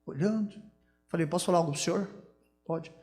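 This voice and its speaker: A man's voice: high-pitched, fairly quick, a little mellow, in a large hall, faint music behind. A man with a Brazilian Portuguese accent, a pastor telling personal stories in a sermon and building to fervent preaching. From São Paulo, Brazil. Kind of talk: storytelling sermon.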